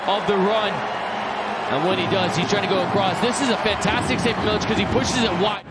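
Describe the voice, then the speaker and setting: A man's voice: sits high, fairly even intonation, a little fast. A man working as a color commentator, explaining soccer replays in an emphatic way. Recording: loud stadium crowd noise behind. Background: loud stadium crowd.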